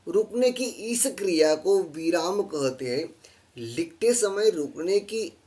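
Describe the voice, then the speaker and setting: A man with a fairly high voice gives a classroom lesson over slides. He explains patiently, repeats the key points and fills his pauses with short hesitations. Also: darkish tone. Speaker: teacher.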